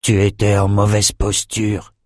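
A man reading an audiobook voices a calm, resolute young male champion swordsman who speaks in a grave, steady way. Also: lowish voice, a little slow, no room sound, studio quality, lightly acted.

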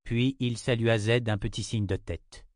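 A man giving a scripted audiobook narration of a novel, in an even, literary reading style. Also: mid-range voice, a little slow, dry recording, studio quality.

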